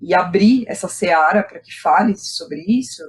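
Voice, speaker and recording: With a lowish, expressive voice and a measured pace, a Brazilian woman tells personal stories as a podcast guest. She is a playwright and director, and her manner is candid and casual, full of slang and tag questions.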